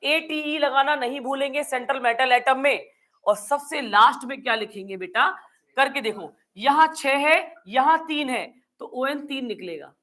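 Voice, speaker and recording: A woman with a Hindi accent gives a chemistry lecture in a high-pitched, slightly bright voice at normal speed. She quizzes her class, answers her own questions, and playfully acts out confused students in asides.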